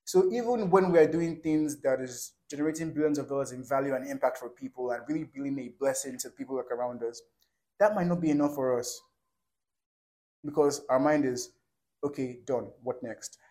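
Brisk and mid-range with a darkish tone, a man's voice carries a casual podcast chat where, as co-host, he rambles earnestly and keeps asking "do you understand."

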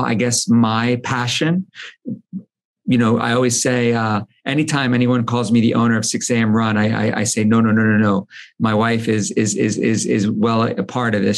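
Male guest, 40s, gravelly texture, earnest storyteller who stumbles and repeats at sentence starts. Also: medium pitch. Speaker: guest, company founder. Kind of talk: casual storytelling conversation.

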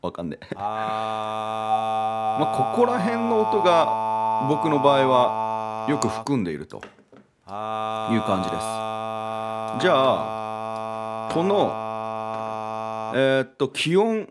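A man's voice: fairly low pitch, sing-song, slow pace, pauses often, very noisy. A man hosting a casual music lesson, thinking aloud with many fillers and correcting himself as he explains.

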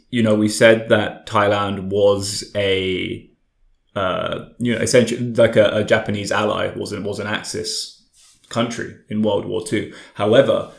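A man's voice: lowish voice, gravelly. A man hosting a casual history discussion, thinking aloud as he goes. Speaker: podcast host. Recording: echoey room.

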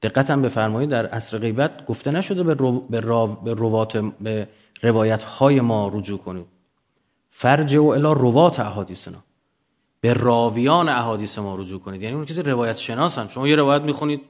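Man lecturing in a didactic way. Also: mid-range voice. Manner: didactic, posing questions and answering them. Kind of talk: extemporaneous lecture to students.

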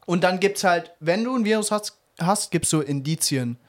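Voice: medium pitch, lively intonation, normal speed, a little hiss or hum. A young adult co-host telling a long story in casual chat, rambling with slang and fillers like "bla bla bla".

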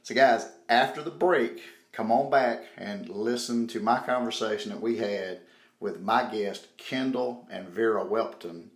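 A man's voice: on the low side, measured pace. A man hosting a podcast, talking casually to his listeners as he introduces the show. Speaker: podcast host. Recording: roomy echo, faint music behind.

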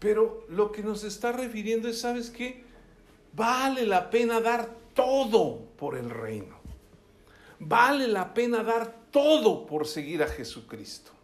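Slow-speaking, high-voiced male preacher. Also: expressive. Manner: keeps asking the listeners "¿sí?"; reads scripture aloud with emphasis. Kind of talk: sermon.

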